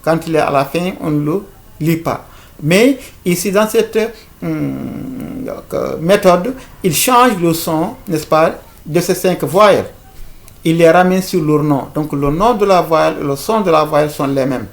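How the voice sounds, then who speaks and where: Guy teaching a lesson, lots of euh and restarts, a bit high voiced. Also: measured pace, creaky. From Africa. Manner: hesitant, many fillers and restarts, repeats words. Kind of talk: informal video lesson.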